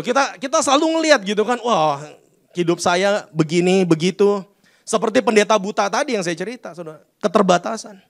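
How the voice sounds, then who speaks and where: A man preaching in church. He talks to the congregation in a relaxed, conversational way and keeps turning to address them directly. His voice sits a little high for a man. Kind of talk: sermon.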